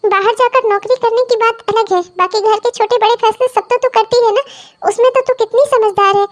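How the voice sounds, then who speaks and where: Brief: cartoon mother-in-law, elderly and protective, very high and squeaky, sermonizing. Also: fairly even intonation, brisk. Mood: tender, reassuring. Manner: affectionate, scolding, sermonizing. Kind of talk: cartoon comedy voice acting.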